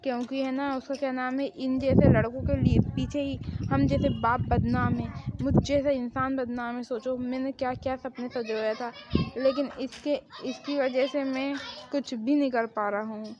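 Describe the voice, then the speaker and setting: A woman's voice: sits high, flat delivery, normal speed, very noisy, lightly acted. A woman voicing a middle-aged male mafia boss who lectures his daughter sternly, in a homemade fan drama. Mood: indignant.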